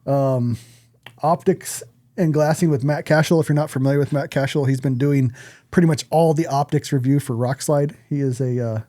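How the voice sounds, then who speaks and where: A podcast host chats casually and conversationally, speaking bluntly and swearing freely. His medium-pitched voice has a dark tone, fairly even intonation and a normal speed, captured in clean studio sound with no room sound.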